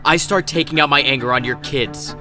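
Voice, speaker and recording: An actor playing an evil robot villain in an audio drama, mocking and theatrical, with drawn-out, gloating taunts. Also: mid-range voice, over music, lightly acted. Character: menacing gloating teenage-posing evil robot, taunting and smug.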